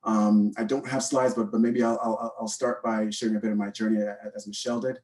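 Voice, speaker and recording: His voice is on the low side, slightly mellow and flat, and he talks briskly. This panel speaker in his thirties, who co-founded a mentorship program and grew up in Canada from age eight after being born in Guyana, speaks off the cuff with a Canadian accent, hesitating and repeating words often, recorded from a distance.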